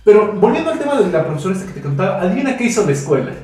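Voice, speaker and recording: Mexican male co-host, animated and slangy, higher pitch, lively range, echoey room. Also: rapid-fire. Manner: animated, slangy, laughs while telling stories. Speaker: co-host, high school Spanish teacher. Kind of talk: casual podcast chat. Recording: very echoey room with faint music.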